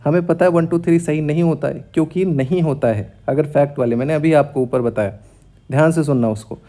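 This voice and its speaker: A man teaching exam strategy in a casual lesson, reading test statements aloud slowly and then explaining them quickly. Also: fairly high pitch, dark tone.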